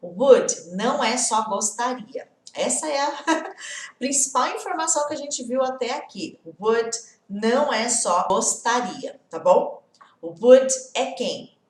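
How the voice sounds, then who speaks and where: Woman, native Portuguese speaker, English teacher, live-stream lesson, lively, fairly high voice, echoey room. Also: slow pace. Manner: lively, often checks in with "tá?" and "né?"; greets viewers by name.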